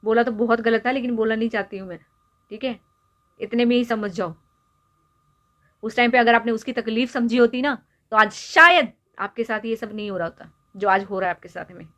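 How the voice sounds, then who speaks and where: A woman's voice: on the high side, fairly quick, a bit bright. A young woman vlogger lecturing and scolding someone directly to camera, repeatedly pressing her points home with rhetorical questions. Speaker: YouTube vlogger. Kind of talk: direct-to-camera opinion rant.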